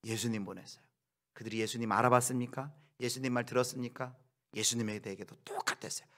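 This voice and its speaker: Male pastor, sermon delivery, expressive, sudden raised voice. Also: mid-range voice, fast talker. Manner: preaching with acted quotes and sudden loud outbursts.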